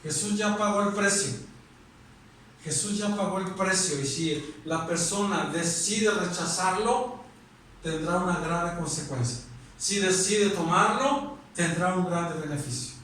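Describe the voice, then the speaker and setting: A man's voice: high voice, a little slow, fairly bright tone, a little hiss or hum. A man preaching a sermon with a Mexican Spanish accent, earnest, repeating himself and asking rhetorical questions. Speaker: pastor. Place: church or meeting room. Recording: echoey room from far off.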